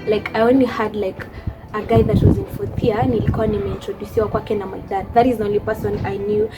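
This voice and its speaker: A woman's voice: medium pitch, steady tone, fast, music in the background. A young woman with a Kenyan accent telling a personal story on her vlog, emotional and switching into Swahili. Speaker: vlogger.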